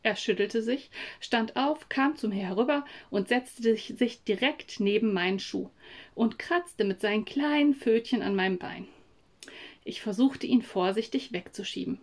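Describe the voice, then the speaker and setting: Woman reading a story aloud, fairly high voice. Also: unhurried. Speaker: narrator.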